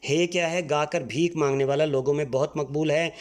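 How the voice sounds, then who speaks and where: A man's voice: on the high side, steady tone. A man from Pakistan, teaching a textbook exercise patiently and spelling words out letter by letter. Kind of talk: Urdu textbook exercise lesson.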